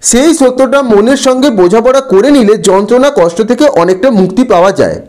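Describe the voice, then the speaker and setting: A man, a teacher slowly going through textbook answers and spelling out words syllable by syllable. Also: extremely high pitch, a little mellow.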